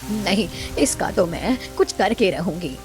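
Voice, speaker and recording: A woman's voice: medium pitch, animated, unhurried, a little mellow, soft background music, close to an everyday voice. A woman voicing a bossy, scheming middle-aged mother-in-law in a family story, with a commanding, self-satisfied way of talking.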